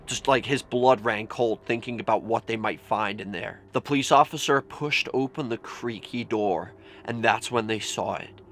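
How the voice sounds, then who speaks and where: Spinning spooky tales vlog-style, this man keeps it loose, with mild cursing and plenty of filler "like." He speaks at normal speed in a lowish, fairly bright voice, over clearly noisy background ambience.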